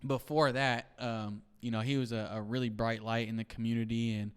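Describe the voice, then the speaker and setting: A man's voice: medium pitch, level tone, fairly quick, clear, resonant tone. A man in his twenties, a podcast guest, talking reflectively in a casual interview and leaning on fillers like "like" and "you know". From Seattle, USA. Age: 20s.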